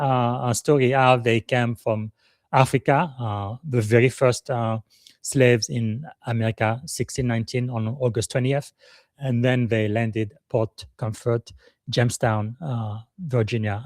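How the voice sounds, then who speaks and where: A man's voice: medium pitch, a little mellow, dry recording. Guy doing a live podcast, lots of uhs, earnest, mid voice, dry sound. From Congo. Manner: hesitant, many "uh" fillers, earnest and emotional. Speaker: podcast host.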